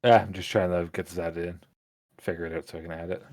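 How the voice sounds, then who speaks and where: A tabletop game player chatting casually over a call through a deep pitch-shifting voice changer that makes the voice gravelly and husky. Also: little pitch movement, fast talker, a little mellow.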